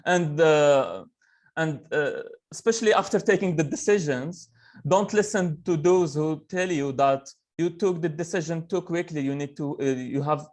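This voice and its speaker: A man's voice: fairly high pitch, animated, normal speed. Earnest young man from Algeria. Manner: earnest, many fillers and restarts. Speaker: webinar speaker. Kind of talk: motivational talk on a video call.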